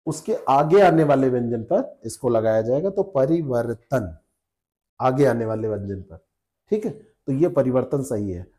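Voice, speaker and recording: This man, a Hindi exam tutor, has a mid-range, expressive, mellow voice and an unhurried pace. He teaches exam students spelling rules, going over each one patiently and checking with the class.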